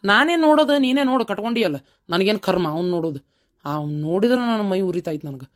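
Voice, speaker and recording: A woman's voice: medium pitch, expressive, racing, lightly acted. A woman voicing a stern, scornful elder brother in a cartoon, speaking with a North Karnataka accent and lecturing curtly. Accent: North Karnataka Kannada. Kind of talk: cartoon voice acting.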